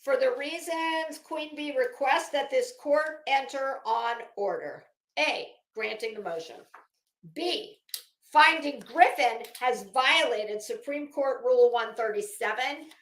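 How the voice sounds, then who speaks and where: Her voice is high and a bit bright, and she takes her time. She hosts a casual livestream, rambling and hesitating as she thinks aloud informally and reads legal documents out loud. The recording is poor and sounds roomy.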